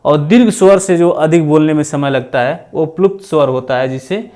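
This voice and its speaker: A man's voice: fairly high pitch, normal speed, warm tone. A man teaching grammar for exam preparation, explaining step by step, repeating points and sounding out vowels as examples. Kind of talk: exam-prep lecture.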